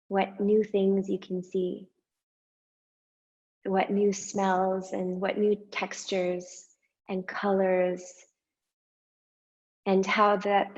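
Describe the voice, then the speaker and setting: A woman guiding a meditation and breathing exercise, speaking slowly and softly with long pauses. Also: medium pitch, dull audio. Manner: slow, soft and unhurried with long pauses. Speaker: meditation guide. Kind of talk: guided meditation.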